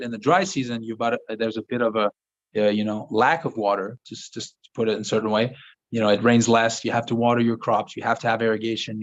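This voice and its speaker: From a home office in Southern Ecuador, a man whose first language is French hosts a casual live-stream Q&A. He answers viewers' questions in a relaxed, rambling way full of fillers, his mid-range voice captured on lo-fi sound.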